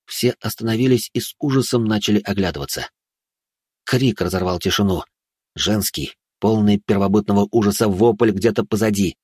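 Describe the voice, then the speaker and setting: A man with a low, husky voice narrates a dark story in a hushed, ominous tone. The recording is dry and close, with no room sound. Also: normal speed, no room sound. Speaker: audiobook narrator.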